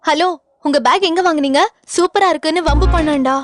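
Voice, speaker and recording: An actress playing a timid young female student who talks quickly and apologizes in a TV serial. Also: high-pitched, close to an everyday voice. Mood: worried. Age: young adult. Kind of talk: TV serial acting. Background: background music.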